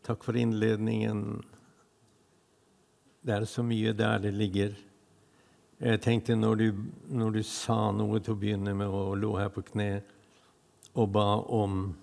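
An older man from Northern Norway preaching in unhurried, halting short phrases, in a reverberant hall. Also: fairly low pitch, gravelly, darkish tone. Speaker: preacher, prayer minister. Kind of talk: unhurried sermon.

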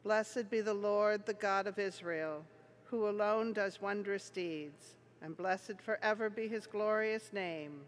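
Woman, liturgical lector, measured formal reading, medium pitch, solemn scripture style. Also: in a large hall.

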